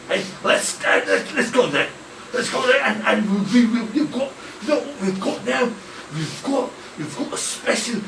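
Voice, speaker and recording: A man hosts a comedic football academy promo, rambling, joking, and tripping over his own restarts. His voice sits fairly high. He is recorded from a distance in an echoey room, with faint ambience behind him. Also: noisy background. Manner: rambling, stammering, jokey.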